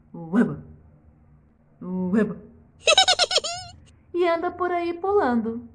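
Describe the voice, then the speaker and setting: A woman educational psychologist narrating a children's story expressively and ending with a moral lesson. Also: mid-range voice. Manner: slow, expressive, teacherly.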